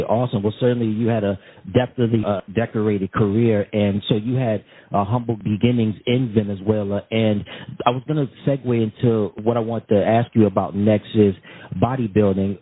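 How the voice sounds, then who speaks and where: A man's voice: fairly low pitch, husky. A man hosting a radio-style interview, wordy and rephrasing his questions several times. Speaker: host. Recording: tinny phone-like audio.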